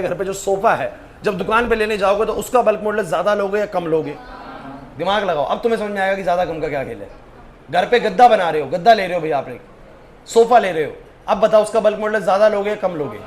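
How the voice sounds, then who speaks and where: A young man teaching physics to a classroom, coaxing and scolding students and calling on them by name to answer. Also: sits high.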